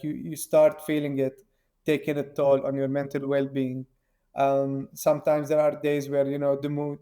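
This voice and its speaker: A man's voice: mid-range voice, warm tone. A man from Syria, a guest investigator, answering interview questions in a hesitant way with lots of ums and restarts. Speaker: open-source investigator, guest.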